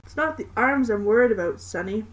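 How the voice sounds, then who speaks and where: A woman's voice: a little high, animated, brisk, close to an everyday voice, low-quality recording. Young woman, playful, sarcastic, teasing, fan story reading, voiced by a woman. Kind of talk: fanfiction read aloud.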